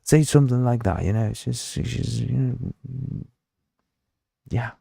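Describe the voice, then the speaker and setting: This livestream host, a native Spanish-speaking man with a Uruguayan accent, drinks while running a casual live coding stream and reads the chat aloud in a rambling, repetitive way. His mid-range voice is dark, slightly rough and touched with vocal fry, moving at a measured pace. The recording is dry and clean, with studio sound.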